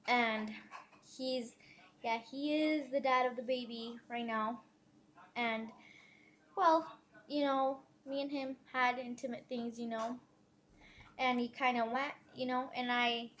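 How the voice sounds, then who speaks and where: Rambling young pregnant woman, slightly high. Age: teens. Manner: rambling, fast, many fillers and self-corrections. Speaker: vlogger telling her pregnancy story. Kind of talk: casual confessional storytelling.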